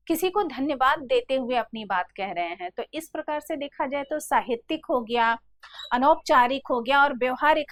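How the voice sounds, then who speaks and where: A woman's voice: high-pitched, dry recording. A middle-aged woman teacher explaining Hindi exam topics step by step, calling her students "beta". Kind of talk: exam-prep Hindi lesson.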